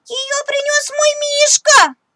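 A woman voicing a little boy mouse who fibs and boasts, squeaky and childish, in a storybook reading. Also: fairly even intonation, slow pace, bright, forceful tone, dry recording, clean studio sound, full character voice. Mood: fibbing.

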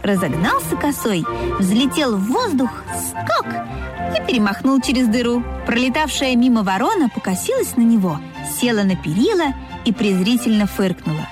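A woman reads a children's fairy tale aloud with a higher voice and a very lively, lilting melody. Faint music plays softly underneath her narration. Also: normal speed. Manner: expressive, lilting. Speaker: storyteller. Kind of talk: children's story reading. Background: soft music.

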